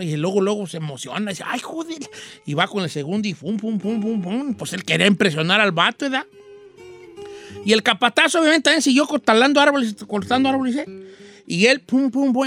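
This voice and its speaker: A man's voice: high voice, a bit bright. A man with a Mexican accent playing a folksy old rancher who hosts a radio show and tells a rambling, slangy joke, acting out voices and axe sounds.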